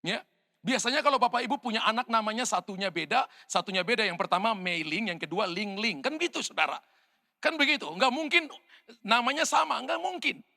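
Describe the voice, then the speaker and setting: A man with an Indonesian accent preaches a sermon, telling stories in a high, sharp voice. He keeps turning to the congregation with "saudara." His voice rings out with a long reverb in a church hall. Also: expressive, brisk, creaky. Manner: storytelling, addresses the congregation as "saudara". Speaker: pastor.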